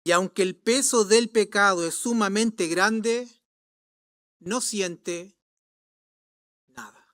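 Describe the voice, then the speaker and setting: A patient, kindly preacher answering in a gentle, deliberate teaching tone, as a pastor acts him out. The pace is slow and the sound dry and close. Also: male voice, high voice, dry recording.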